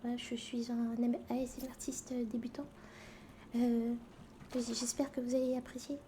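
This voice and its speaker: A woman's voice: on the high side, little pitch movement, moderate pace, dark tone, slight background noise, natural voice. A woman playing a nervous beginner ASMR performer in whispered role-play, hesitant and stumbling over her words. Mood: fumbling. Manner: hesitant, stumbling, many fillers.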